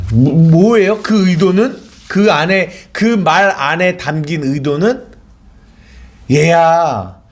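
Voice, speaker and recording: A man preaching a sermon in a church, asking the congregation questions and answering them himself. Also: on the high side. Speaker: pastor.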